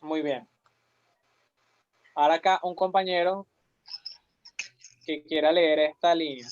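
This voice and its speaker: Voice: medium pitch, fairly even intonation, slow pace, a little mellow, no room sound. A language teacher running a pronunciation drill, patiently repeating each syllable several times. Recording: muffled lo-fi audio.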